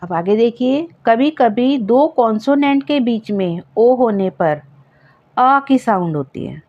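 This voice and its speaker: Very slow, deliberate woman teacher. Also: on the high side, expressive. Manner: drawn-out word-by-word examples. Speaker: English pronunciation teacher. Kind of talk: slow, deliberate classroom explanation. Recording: dull, muffled sound.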